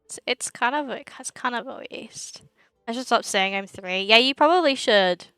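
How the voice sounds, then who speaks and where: Giggly young woman streamer, smooth voice. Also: fairly high pitch, normal speed, pushed and bright, no echo, faint music behind, low-quality recording. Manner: giggly and rambling, often laughing mid-sentence. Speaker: livestreamer. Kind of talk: casual chat with viewers.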